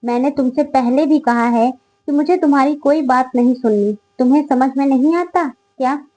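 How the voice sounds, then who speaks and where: A woman voicing a quiet but firm young female college student in a read-aloud story. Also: high voice, normal speed, poor audio. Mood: indignant. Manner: firm and indignant.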